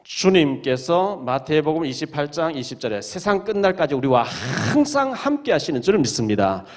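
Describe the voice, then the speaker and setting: A man's voice: on the high side, sing-song, moderate pace. A male pastor preaching a sermon in a church, reading scripture aloud and retelling the stories with dramatic emphasis. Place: church sanctuary.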